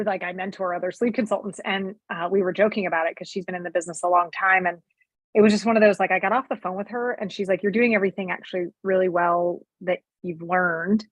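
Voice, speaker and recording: A woman's voice: mid-range voice, no room sound. A woman, a sleep consultant and guest, telling her own story with candor and liveliness, acting out the voices she quotes. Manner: lively, acts out quoted voices, many fillers. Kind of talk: candid personal storytelling.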